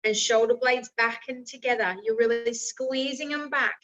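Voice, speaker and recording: High, bright-voiced woman coaching a workout. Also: fairly even intonation, normal speed. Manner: encouraging, instructional. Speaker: group fitness instructor. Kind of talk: live workout coaching with encouraging cues. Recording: roomy, distant mic, slightly dull.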